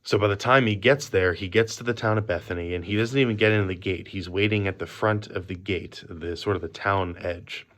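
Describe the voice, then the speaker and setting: A man leading a youth group with an informal devotional talk, speaking from memory in a conversational way, recorded on a phone in a quiet workplace. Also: sits low, brisk, hardly any pauses.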